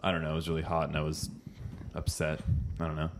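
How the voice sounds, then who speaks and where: A man's voice: rumbling low, monotone, fast talker, noisy background. A young man in casual chat who rambles, saying "like" a lot and swearing freely.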